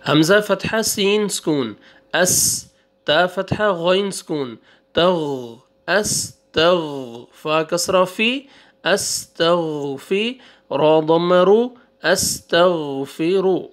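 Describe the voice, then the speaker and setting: A male Quran teacher spelling out syllables one by one, drawing out the recited words and giving quick asides between them. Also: high-pitched, expressive. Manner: slow drawn-out recitation, then quick asides. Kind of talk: spelling out syllables in a reading lesson.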